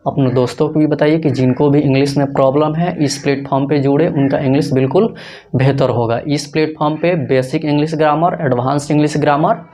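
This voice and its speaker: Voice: mid-range voice, fairly even intonation, brisk, dark tone. A teacher giving a grammar lecture, asking rhetorical questions and answering them himself, repeating each rule step by step. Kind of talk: Hindi-language grammar lecture.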